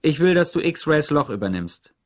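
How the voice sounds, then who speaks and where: A man's voice: a little high, very animated, normal speed, pitched above the performer's own voice. A man voicing a stern, impatient woman who runs a work camp, giving orders in a commanding way. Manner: commanding, insistent.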